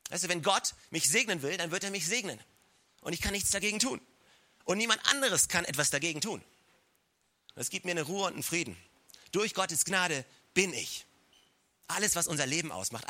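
A man preaching a sermon at a church service, speaking directly to his listeners and repeating lines for emphasis, sometimes dropping his voice low and soft to stress a point. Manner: drops to a low soft voice to stress key words. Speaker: pastor. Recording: live church recording.

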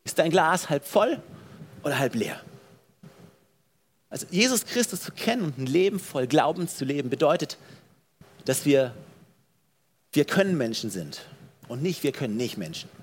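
A man preaching a sermon in a church as pastor, asking the listeners questions, often repeating words and restarting phrases, and letting his phrase endings fall soft and low. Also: very animated, moderate pace, pauses often, a little hiss or hum.

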